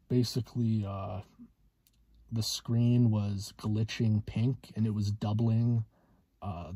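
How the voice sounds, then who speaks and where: Dark-voiced, halting young man. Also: lowish voice, breathy edge, dry recording. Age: 20s. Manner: hesitant, halting with long pauses. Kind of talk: casual vlog monologue. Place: inside a parked car.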